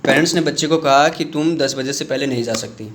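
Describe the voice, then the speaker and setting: A man's voice: a little fast, fairly bright tone, a little hiss or hum. Man teaching commerce. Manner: explains with everyday examples, addresses viewers as friends; acts out student questions in a lower voice. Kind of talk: video lecture.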